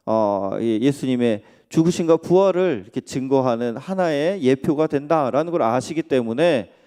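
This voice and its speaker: Mellow-voiced male pastor preaching conversationally. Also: on the high side. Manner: conversational preaching with rhetorical questions to the congregation. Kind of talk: sermon. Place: church sanctuary.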